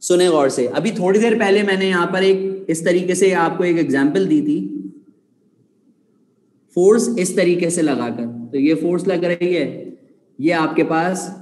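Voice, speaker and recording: A man's voice: sits high, a little slow, darkish tone. A man teaching a physics class online, patiently repeating key points and asking his students rhetorical questions. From Pakistan. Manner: addresses students affectionately as children. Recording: echoey room.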